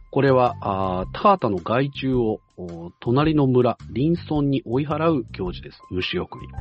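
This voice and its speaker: Man reading a letter, muffled. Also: medium pitch. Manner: measured reading with frequent hesitant fillers. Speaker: radio-style show host. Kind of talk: reading a listener's letter aloud with side comments. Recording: muffled lo-fi recording, faint music.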